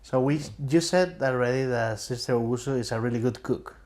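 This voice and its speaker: A man's voice: mid-range voice, brisk, a little mellow. A man interviewing a church leader, asking short questions and murmuring agreement. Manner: brief questions, frequent affirming murmurs. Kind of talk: casual interview.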